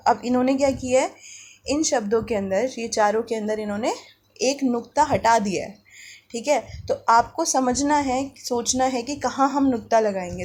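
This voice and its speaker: A woman teaching young pupils through a worksheet, reading words slowly syllable by syllable and asking the class questions that she answers herself. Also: a little high, darkish tone, husky. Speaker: primary school teacher. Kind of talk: worksheet lesson for children.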